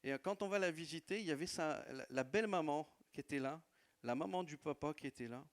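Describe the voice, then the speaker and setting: A man's voice: on the high side, fast talker. A man with a non-native French accent preaching as a pastor, telling stories of his church with laughs and repeated phrases. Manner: warm storytelling with laughs and repetitions. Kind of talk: sermon testimony. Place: church hall.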